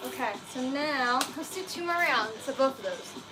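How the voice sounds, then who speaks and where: A woman's voice: sits high, expressive, normal speed, poor audio. A woman coaching like an aerobics instructor, casually giving exercise cues and counting reps with encouragement. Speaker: fitness instructor leading a live workout. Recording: music playing behind the voice.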